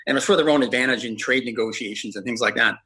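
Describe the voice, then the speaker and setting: A man's voice: medium pitch, racing, sharp tone, rough recording. A middle-aged man from Canada answering interview questions in a rambling way, with frequent hesitations. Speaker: podcast guest, traveler.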